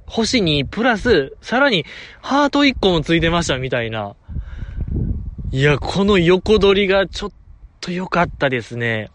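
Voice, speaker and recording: A man's voice: a little high, a little hiss or hum. A man with a Kansai accent hosting a solo talk show, chatting with enthusiastic, chuckling fan banter. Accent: Kansai Japanese. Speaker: podcast host.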